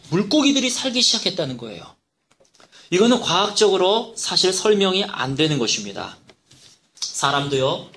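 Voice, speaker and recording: A man preaching a sermon as pastor, telling stories in an animated way and acting out the lines he quotes. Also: mid-range voice.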